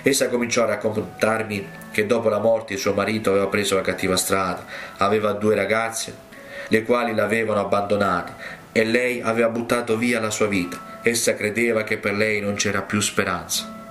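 Low-voiced man preaching a sermon. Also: level tone, a bit bright, soft background music. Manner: earnest, measured testimony. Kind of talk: sermon storytelling.

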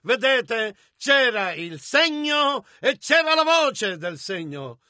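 A man interpreting a sermon with emphasis, at times breaking into shouts. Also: very high voice, sing-song, takes it slowly, dry recording.

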